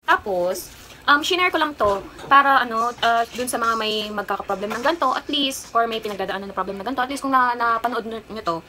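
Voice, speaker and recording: A young woman in her twenties with a Kapampangan accent talks through a casual haul vlog, rambling and pausing with fillers. Her voice sits a little high. The home recording has steady noise underneath. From Philippines. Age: 20s. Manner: chatty, rambling, with frequent fillers. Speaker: vlogger.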